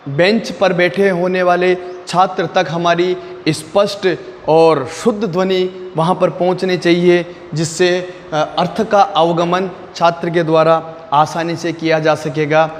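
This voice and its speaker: A man teaching an exam-prep lesson, repeating key terms slowly word by word. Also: high-pitched. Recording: long reverb, faint noise.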